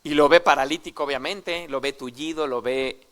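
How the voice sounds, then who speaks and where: A Mexican pastor preaches a sermon in a relaxed, conversational way. His voice sits a little high for a man, and he keeps checking in with the listeners through rhetorical questions. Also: normal speed. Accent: Mexican Spanish.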